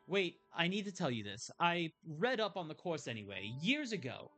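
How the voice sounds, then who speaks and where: A man's voice: on the high side, sing-song, moderate pace, bright, forceful tone, soft background music. A man voicing an earnest young woman café manager, reading game dialogue aloud in a heartfelt way.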